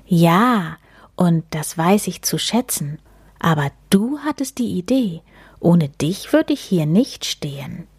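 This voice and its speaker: A woman voicing a friendly, magical male snowman spirit in a read-aloud children's story, with a soft, breathy and mysterious way of speaking. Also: fairly low pitch, expressive, takes it slowly, no echo, full character voice. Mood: gentle.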